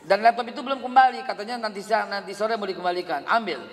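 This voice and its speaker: A middle-aged man, preaching a sermon and telling animated stories about his family. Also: high voice, quick pace, slight background noise. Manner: animated storytelling, quoting family dialogue; sings snatches of a song. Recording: long hall reverb.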